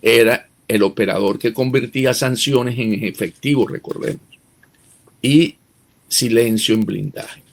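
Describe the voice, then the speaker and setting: A man's voice: mid-range voice, vocal fry. A man, a political analyst giving emphatic interview commentary with rhetorical questions and frequent restarts.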